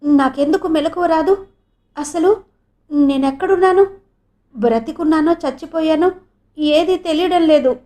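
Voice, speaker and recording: A woman's voice: high voice, unhurried, pauses often, dark tone, pitched above the performer's own voice. A woman voicing a frail, frightened young woman. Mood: distressed. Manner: weak, pleading, anxious questions.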